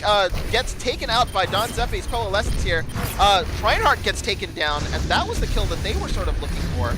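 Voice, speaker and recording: A man calling esports live as a play-by-play caster, in a frantic, excited rush of short breathless calls. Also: sits high, noisy background. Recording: game music behind the voice.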